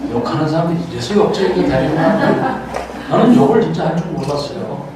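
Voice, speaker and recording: Middle-aged guy lecturing, jokey and teasing, kinda high voice, big echoey auditorium, mic far off. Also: animated, brisk. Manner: playful, teasing the audience. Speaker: professor giving a guest lecture. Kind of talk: humorous lecture with anecdotes. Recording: echoey hall from far off, noisy.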